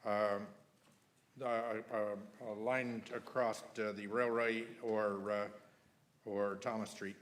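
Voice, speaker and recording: Man, resident at town meeting, halting delivery, blunt and sarcastic edge. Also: on the low side, little pitch movement. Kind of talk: public comment at council meeting. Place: council chamber.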